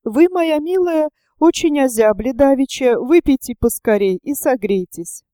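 A woman's voice: high-pitched, lively intonation, measured pace, mellow, clean tone, dry recording, clean studio sound. A woman voicing an imperious older noblewoman who speaks in a commanding, curt, indignant way in an audiobook. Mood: coolly polite.

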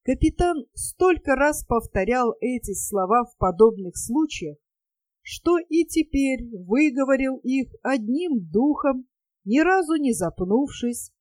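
A woman reading a novel aloud as an audiobook narrator, in an even, measured storytelling manner. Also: sits high, no echo.

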